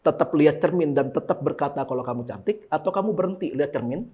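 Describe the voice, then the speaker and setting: A man preaching a sermon in a lively, casual way, firing off rhetorical questions and slangy asides. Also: on the high side, quick pace, highs cut off. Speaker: pastor. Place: church service.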